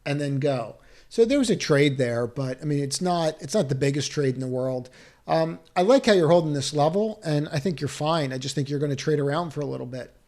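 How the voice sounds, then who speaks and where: In a slightly high voice with a darkish tone, a stock market analyst reviews charts over a screen share. He reasons aloud with careful advice, frequent restarts and rhetorical questions.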